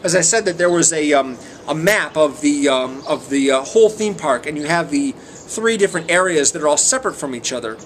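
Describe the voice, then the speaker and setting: Amateur male movie reviewer, fairly high voice, hesitant and meandering, casual off-the-cuff delivery, some noise on the recording. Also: lively intonation, a little fast, hardly any pauses. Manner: hesitant, meandering, often trailing off. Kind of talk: casual rambling film review. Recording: noticeable background noise.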